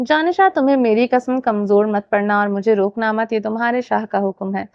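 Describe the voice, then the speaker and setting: A woman's voice: a little high, clean tone, no room sound, highs cut off, close to an everyday voice. A woman voicing a devoted, protective husband in her own earnest reading voice. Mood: tender, resolute.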